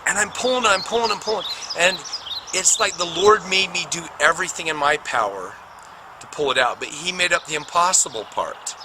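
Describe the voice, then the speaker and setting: Middle-aged guy retelling his near-death story, dramatic, fairly high voice, noisy recording. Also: fairly quick. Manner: animated, dramatic retelling with spoken sound effects. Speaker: speaker recounting a near-death experience. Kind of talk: personal testimony storytelling. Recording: noticeable background noise.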